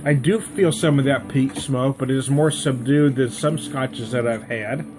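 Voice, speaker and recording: A man's voice: medium pitch, normal speed, music in the background. A man giving a casual, rambling, jokey tasting review as a vlog host. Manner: jokey, rambling, chuckles at own asides.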